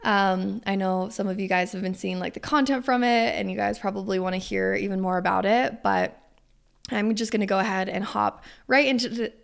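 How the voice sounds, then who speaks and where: A young woman podcast host and coach giving a casual, gushing promotional monologue, rambling and digressing, with some swearing and a creaky vocal fry. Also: mid-range voice, a little fast. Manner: gushing, enthusiastic.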